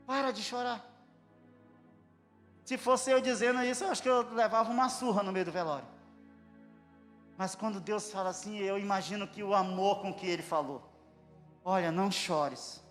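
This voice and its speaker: A man preaching an impassioned sermon, bursting into shouted praise. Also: sits high, a little fast. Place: church hall. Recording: echoey church hall with music.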